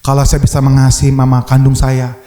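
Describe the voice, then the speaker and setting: A man's voice: medium pitch, completely flat delivery, fairly quick, warm tone, reverberant, pitched below the performer's own voice, close to an everyday voice. A male preacher voicing his young wife as she talks herself into forgiving her mother-in-law. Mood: reflective. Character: young wife, softened and reconciling.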